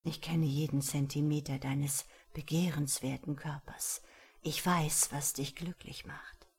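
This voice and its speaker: A woman's voice: sits low, steady tone, unhurried, darkish tone, husky, exaggerated voice. A woman voicing a mysterious, seductive man who murmurs intimately to his lover. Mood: seductive whisper.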